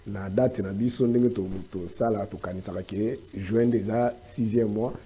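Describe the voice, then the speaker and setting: A man with a Congolese accent giving preachy commentary on church life in a studio discussion. He quotes scripture and lectures at length, with halting restarts. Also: lowish voice, fairly even intonation, warm tone, breathy edge. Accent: Congolese French.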